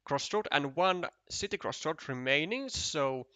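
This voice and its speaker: Male game caster, slow and bright, dry mic, thinks aloud and restarts often. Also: a little high, lively intonation, smooth, dry recording, highs cut off. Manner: thinking aloud, counting tiles, many restarts. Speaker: esports commentator. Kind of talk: live game commentary.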